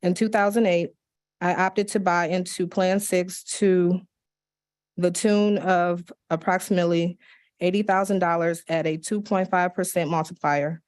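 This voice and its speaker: Reading public comment letters into the record at a county commission meeting, a woman speaks steadily and with measure. Her voice is lowish, and she occasionally slips and restarts.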